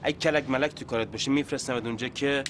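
An actor in a TV drama playing a cold, calm gangster who threatens the other man. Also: medium pitch, slight background noise, natural voice. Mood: menacing. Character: calm menacing male gangster boss.

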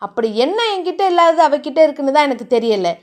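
A woman voicing a jealous, scheming young rival who talks bitter and sharp. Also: high voice, animated, fast.

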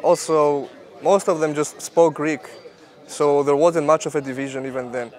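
A man's voice: a little high, steady tone, moderate pace, darkish tone. Young man speaking at a café. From Cyprus. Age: 20s. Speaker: interviewee, medical student. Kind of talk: casual interview answers. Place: outdoor café terrace. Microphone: lapel mic.

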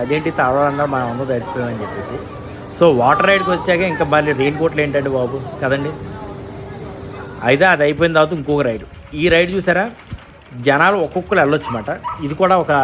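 A young man with a Telugu accent, chatting directly to viewers as he vlogs an outdoor amusement park on an action camera. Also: on the high side. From India. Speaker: travel vlogger. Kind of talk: casual vlog narration. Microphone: handheld action camera. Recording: noisy outdoor park ambience.

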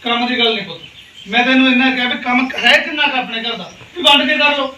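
A man's voice: extremely high pitch, fast, sharp tone, dull audio, slight background noise, full character voice. An actor playing a middle-aged father in a village family drama, reproachful and lecturing as he pleads for his daughter. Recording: roomy, distant mic.

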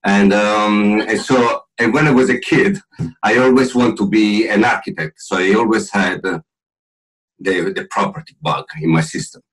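A middle-aged man from Italy, with an Italian accent, is a podcast guest on a video call from a room at home, chatting casually in interview mode in a jokey way with filler pauses. His voice is lowish, a bit bright and husky, with fairly even intonation, and the audio is poor.

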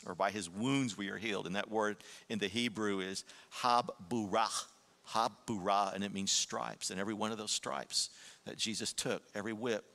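A man preaching a sermon as a pastor, swinging between hushed, slow passages and emphatic, raised ones. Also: lowish voice. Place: church sanctuary. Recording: long hall reverb.

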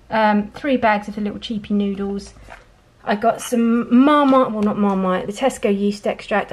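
A woman's voice: a little high, a little hiss or hum. A woman in her thirties from England, casually chatting through a grocery haul at home while filming on a handheld phone, thrifty and full of rambling asides. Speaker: family vlogger. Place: home kitchen, indoors. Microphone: handheld phone camera filming groceries.

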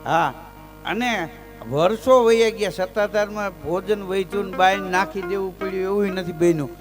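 A man telling folk stories live on stage. He chants verses loudly, then drops into easy chat and lands his punchlines. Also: high voice, normal speed, music in the background. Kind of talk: live folk storytelling with recited verse and jokes.

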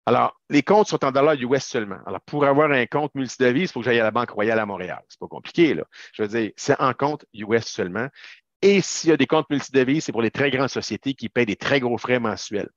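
A man's voice: mid-range voice, quick pace, dry recording. Man, Québécois accent, chatty emphatic presenter, webcam call, dry and a bit muffled. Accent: Québécois French. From Quebec, Canada. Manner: emphatic, chatty with informal asides. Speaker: business lawyer presenting a webinar. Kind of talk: webinar presentation over slides. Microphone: video call webcam.

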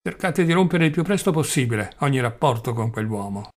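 A man's voice: mid-range voice, animated, brisk, close to an everyday voice. A man reading the part of a worried, earnest woman in an audiobook. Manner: concerned and earnest. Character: worried, kind woman, Claudia Petrovna.

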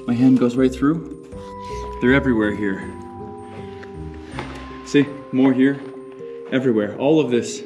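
A man vlogging outdoors while exploring cave dwellings, excitable and thinking aloud, with casual swearing. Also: mid-range voice, a little slow, long pauses, over music. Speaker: travel vlogger. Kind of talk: on-location vlog talk. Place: outdoors in rock caves.

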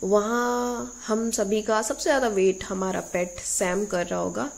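A young woman narrating her travel vlog as a voice-over, in a relaxed storytelling manner, addressing viewers as guys. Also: medium pitch, unhurried, creaky. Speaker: vlogger.

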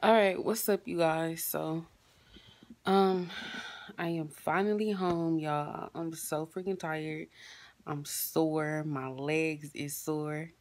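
A woman's voice: deep voice, steady tone, slow pace. A young woman vlogging casually from her car on a hot day, chatting to viewers with a phone camera at arm's length and calling them y'all. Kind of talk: casual vlog chat.

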